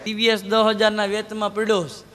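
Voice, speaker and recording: A man's voice: high voice, monotone, brisk, a bit bright, long reverb tail, some chatter behind, a little hiss or hum. A man telling comic anecdotes on stage, acting out friends in dialogue. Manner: telling joke anecdotes in first person, voicing friends in dialogue. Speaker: stand-up comedian. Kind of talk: Gujarati folk comedy storytelling.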